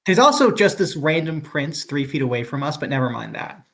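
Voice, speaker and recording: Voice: medium pitch, very animated, brisk, creaky, fairly bright tone, slightly rough. A tabletop game player making joking, stammering asides. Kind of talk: casual tabletop game chat.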